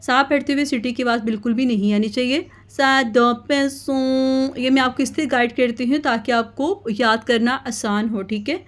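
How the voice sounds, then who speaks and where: A woman's voice: fairly high pitch, few pauses. Patient woman teaching letter sounds. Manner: patient, drills letters repeatedly, mixes in English words. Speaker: Quran reading teacher for children. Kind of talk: slow instructional lesson, repeating sounds for children.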